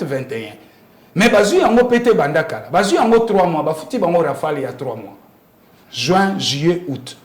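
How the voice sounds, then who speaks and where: Speaking with a Congolese accent, a man comments emphatically on politics as an interview guest, frequently posing rhetorical questions. His voice is high and a little mellow, heard in an echoey room.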